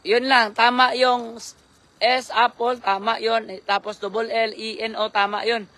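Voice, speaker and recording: Hoarse man live-streaming at night. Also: very high-pitched, flat delivery, normal speed, bright, forceful tone, no echo. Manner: spells names out letter by letter for viewers. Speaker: live-stream fishing vlogger and commentator. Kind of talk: casual live-stream commentary with shout-outs. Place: outdoors at night by the water.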